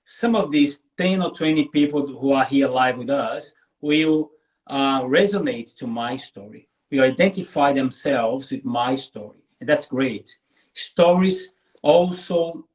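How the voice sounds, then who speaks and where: This guest content creator, a man whose native language is Portuguese, has a mid-range voice heard through a low-quality recording. In a live online interview he speaks earnestly, repeats himself, and frequently ends lines with "right?".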